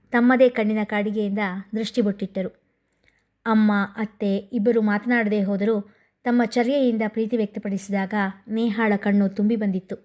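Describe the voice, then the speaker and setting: Mellow-voiced woman reading a story. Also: mid-range voice. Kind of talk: scripted story narration.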